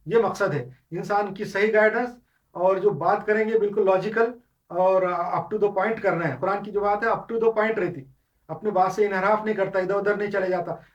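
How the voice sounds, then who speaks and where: An unscripted Islamic lecture comes from a high-voiced man far from the mic, with the highs cut off. Explanatory in style, he mixes English into Hindustani and frequently restarts, dotting his speech with fillers.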